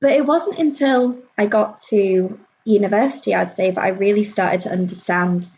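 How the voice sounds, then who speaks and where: With faint background noise behind her, a young woman speaks at a middling pitch. She explains things in a measured, reflective, conversational way. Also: a little mellow, poor audio. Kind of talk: casual panel discussion.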